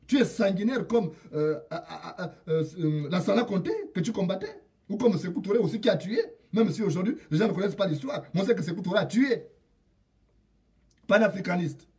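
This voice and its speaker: This Gabonese man, a political commentator, rails at a president directly and indignantly, hammering home proverbs and repeated lines. He talks briskly in a high voice with a darkish tone, far from the mic.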